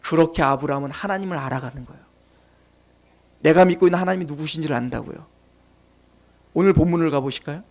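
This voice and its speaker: A male pastor preaching a sermon, animated, firing rhetorical questions and acting out the voices he quotes. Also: fairly high pitch, fast, long pauses.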